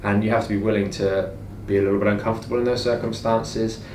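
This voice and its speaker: Man, lowish voice, casual co-host explaining, distant mic, echoey room. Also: little pitch movement, fast talker, darkish tone, a little hiss or hum. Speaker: co-host, business owner.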